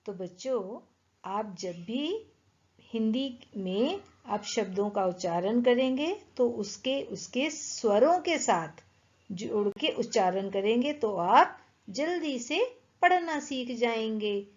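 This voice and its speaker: A woman with a slightly high voice leads a children's reading lesson at a very slow pace. She sounds each word out carefully and repeats it for young learners. The recording is dull and lo-fi. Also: expressive, darkish tone. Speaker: teacher.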